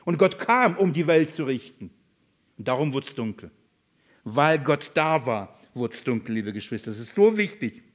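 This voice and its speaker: A man gives a sermon to his congregation, posing questions and then answering them himself while alternating between loud stretches and quiet ones. His voice is slightly high and lively, and he speaks at a normal pace.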